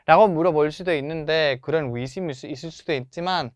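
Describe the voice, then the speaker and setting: A young man teaches pronunciation patiently and encouragingly, leaning hard on stressed syllables as he models each word. His voice sits a little high and sounds smooth and resonant. The recording is dry and close. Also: a little fast, no room sound. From Spanish-speaking country. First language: Spanish. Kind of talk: friendly language lesson.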